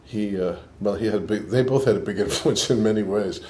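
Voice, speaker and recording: This older male scientist, from Boston and carrying a mixed Boston and New York accent, gives reflective interview answers about his life, thoughtful with frequent restarts. He talks a little fast in a somewhat low, slightly mellow voice, with a little hiss or hum present.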